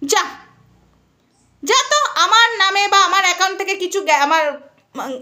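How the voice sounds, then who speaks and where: A woman's voice: extremely high pitch, animated, moderate pace, bright, forceful tone. A woman vlogger scolding and taunting a rival straight to camera, firing rhetorical questions at her. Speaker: social media vlogger. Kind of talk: angry callout vlog addressed to a rival.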